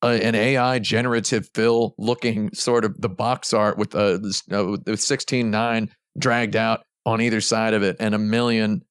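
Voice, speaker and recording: A man's voice: lowish voice, level tone, normal speed, hardly any pauses, clear, resonant tone, no echo. A man in his forties co-hosting a podcast in casual chat, rambling and jokey with long digressions. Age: 40s. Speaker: podcast co-host.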